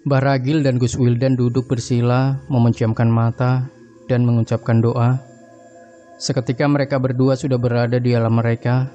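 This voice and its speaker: A man narrating a scripted horror story in a mellow, dark-toned voice. His delivery stays steady and flat. Quiet music runs under the reading. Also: mid-range voice, normal speed, lo-fi sound. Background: faint background music.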